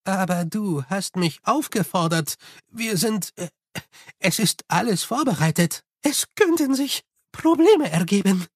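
A man's voice: high-pitched, animated, measured pace, dry recording, pitched above the performer's own voice. A man voicing a nervous young male clockmaker in an audiobook, hesitant and earnest with a dry close sound.

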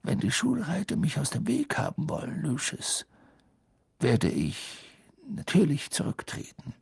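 A wise old headmaster, as a male audiobook reader plays him, speaking very slowly and distinctly so every word lands. His voice is creaky and lively in pitch, at times sinking to a near whisper. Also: no room sound, full character voice. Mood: calm, firm. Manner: very slow and distinct. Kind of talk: audiobook reading.

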